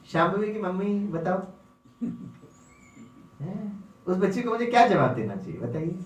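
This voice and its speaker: A man's voice: high voice, darkish tone, a little hiss or hum. A man giving a spiritual class, telling stories, acting out voices and asking the audience questions. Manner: storytelling, acts out voices, asks the audience. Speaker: spiritual teacher. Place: lecture hall with audience. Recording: echoey hall mic from far off.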